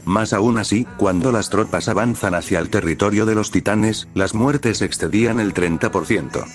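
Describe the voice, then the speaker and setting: A man reading his own fan fiction aloud as storyteller, in a plain, even way. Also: fairly low pitch, moderate pace, soft background music.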